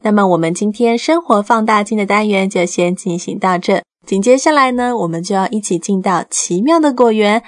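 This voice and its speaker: A woman's voice: medium pitch, a little fast, few pauses, dry recording, studio quality. A woman hosting a children's educational radio programme, explaining things simply as if to small children.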